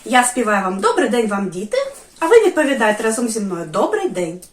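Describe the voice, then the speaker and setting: High bouncy woman teaching music to little kids, sing-songy, roomy echo. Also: a little fast. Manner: lively, sing-song, speaks to small children. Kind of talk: online music lesson for children.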